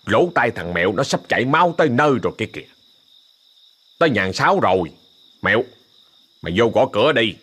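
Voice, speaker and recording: A stern exorcist barks orders brusquely, as a male narrator voices him. The husky voice swings widely in pitch while he scolds through an audio ghost story. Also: sing-song, brisk, long pauses, a bit bright, full character voice. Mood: scolding.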